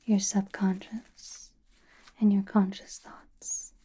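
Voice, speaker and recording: Girl doing a mysterious witch fortune teller, asmr roleplay, super breathy whisper, soft and mellow, takes her time. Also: medium pitch, level tone. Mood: calm, mysterious. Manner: slow, soothing, deliberate, with musing pauses.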